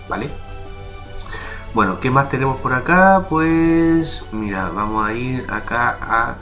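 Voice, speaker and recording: A man hosting a screen-recorded walkthrough, explaining step by step in a casual tone and often checking in with his listeners. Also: medium pitch. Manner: casual, explanatory, frequent "¿ya?" and "¿vale?" check-ins. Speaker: tutorial host. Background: background music.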